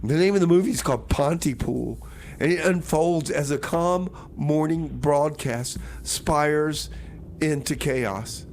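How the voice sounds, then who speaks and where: Speaking from a small radio station studio, this American host rambles casually between songs, back-announcing them with hesitant exclamations. His pitch is fairly high, his delivery a little slow, and there's a bit of hiss or hum.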